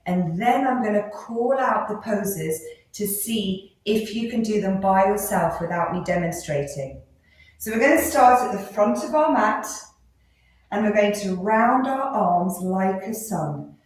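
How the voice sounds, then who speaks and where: A woman teaching a live children's yoga class, giving gentle, encouraging, playful instructions. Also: mid-range voice, lively intonation, unhurried. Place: live class in an indoor room. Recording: very echoey room.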